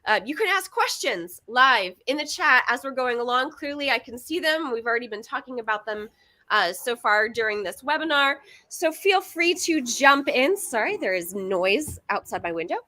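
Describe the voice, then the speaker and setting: A woman with a high, bright voice hosts a live online webinar. She talks in an upbeat, chatty way and laughs easily. Her tone is sharp and lively. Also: moderate pace. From Texas. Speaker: webinar host.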